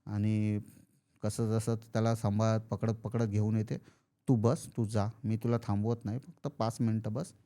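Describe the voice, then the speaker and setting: A man's voice: on the low side, flat delivery, normal speed, dark tone. A man telling a horror story casually, acting out the characters' lines. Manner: acts out characters' lines in quoted speech. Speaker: podcast guest storyteller.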